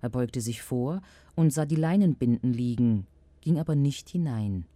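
A woman reading scripture aloud as a lector, with a measured, solemn delivery. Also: rumbling low, lively intonation, dark tone, dry recording.

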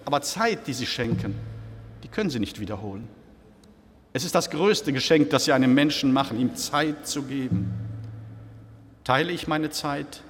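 A man preaching a sermon in a church, slow and reflective, posing question after question to the congregation. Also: mid-range voice, lively intonation, slight background noise. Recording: church hall with long reverb.

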